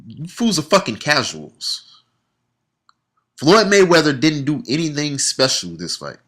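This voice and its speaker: A man's voice: a little high, big pitch swings, measured pace, fairly bright tone. A man giving a blunt, heated, profane monologue about boxing and the sports media as a sports vlogger. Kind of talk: opinionated casual monologue.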